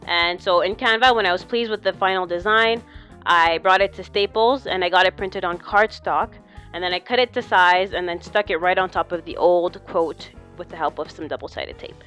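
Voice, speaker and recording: A woman's voice: lowish voice, moderate pace, a bit bright, soft background music. A young adult woman talking in a chatty vlogger style, explaining home DIY projects directly to her viewers. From lives in Canada. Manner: chatty, instructional, addressing viewers.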